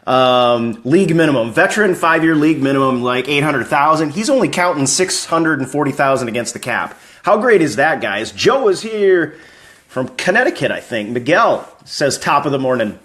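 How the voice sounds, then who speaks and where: A man's voice: fairly high pitch, very animated, moderate pace, fairly bright tone. A man hosting a live fan stream, greeting viewers by name and chatting casually about football news.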